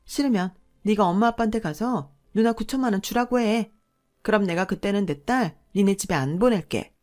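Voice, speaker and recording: A woman's voice: mid-range voice, brisk, close to an everyday voice. A woman voicing a bossy, greedy middle-aged sister-in-law who talks rudely and demands money, in a radio drama. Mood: angry. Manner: shouting, rude, demanding.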